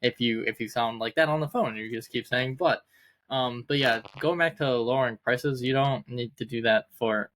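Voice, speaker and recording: A man's voice: medium pitch, normal speed, fairly bright tone, a little hiss or hum. A man co-hosting a casual business chat, speaking hesitantly with many fillers and restarts. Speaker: podcast co-host.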